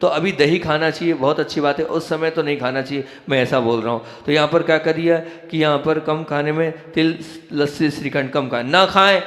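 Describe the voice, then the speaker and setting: A spiritual lecturer gives a devotional talk on seasonal diet, rapidly listing foods and stressing emphatic warnings to his listeners. His voice is a little high and slightly bright, recorded in an echoey hall.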